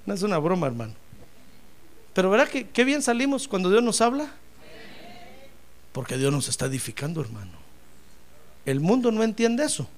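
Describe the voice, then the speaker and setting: A man preaching a sermon as pastor, joking with listeners as brothers and swelling into loud cries of praise before dropping to quiet asides. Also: high-pitched, sing-song, normal speed, long pauses. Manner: humorous, addresses listeners as brother.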